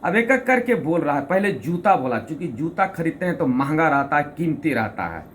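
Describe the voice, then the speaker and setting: A man's voice: on the high side, very animated, moderate pace, slight background noise. A man telling a funny personal story and explaining his own comic poem. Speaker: storyteller and poet. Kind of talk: anecdote and recited humorous poem.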